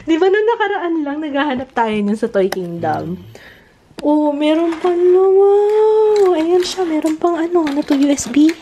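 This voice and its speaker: A woman with a Filipino accent chatting through an unboxing at home, switching between Tagalog and English, now and then squealing with excitement. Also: sits high, measured pace. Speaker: vlogger. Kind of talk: casual family vlog, unboxing. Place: home, indoors. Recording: noisy home recording.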